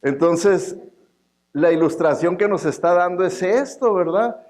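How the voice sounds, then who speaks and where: A pastor with a high, somewhat mellow voice preaches a sermon in a conversational style. He's animated but a little slow, tossing in joking asides and often checking in with the congregation.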